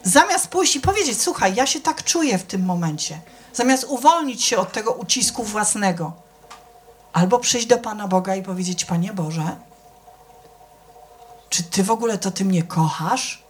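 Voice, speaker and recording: A woman's voice: mid-range voice, expressive, normal speed, a little hiss or hum. A middle-aged woman giving an informal sermon, chatty and conversational, often asking the audience if they follow and acting out the people she quotes. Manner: conversational, keeps checking with the audience; acts out quoted people with shifts in voice. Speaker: church speaker.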